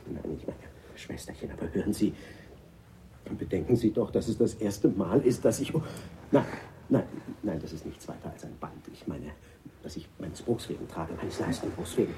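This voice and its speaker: An actor playing a chaste, panicky old ex-friar who stammers and sounds stuffed up from a cold. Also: male voice, low voice, animated, moderate pace, noisy background. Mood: flustered. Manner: stammering, flustered, breathless outbursts.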